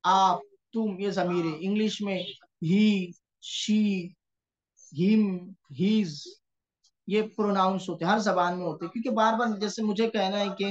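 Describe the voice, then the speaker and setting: A Quranic Arabic teacher gives an online grammar lecture over a computer mic on a video call, and the audio is dull and lo-fi. His high voice is steady and measured as he explains patiently and checks in with students often.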